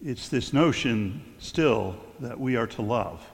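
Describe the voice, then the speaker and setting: A man's voice: medium pitch, animated, takes it slowly, gravelly. Man preaching in a reverberant hall. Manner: conversational storytelling with stumbles and fillers. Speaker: clergyman. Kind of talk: sermon.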